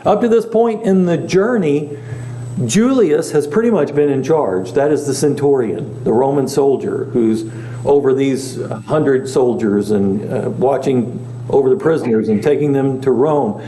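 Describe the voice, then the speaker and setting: A man's voice: mid-range voice, measured pace, dark tone. A male pastor teaching a Bible class in a chatty way, often asking the class questions. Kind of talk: conversational Bible lesson. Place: church meeting room. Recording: echoey room, faint hum.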